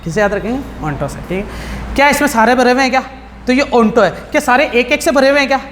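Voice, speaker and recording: A man's voice: extremely high pitch, fast talker, a bit bright. A man teaching math, throwing rhetorical questions at his students in a blunt, informal way. His voice has a long reverb behind it and a faint hiss. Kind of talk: classroom lecture. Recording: hall reverb with faint background noise.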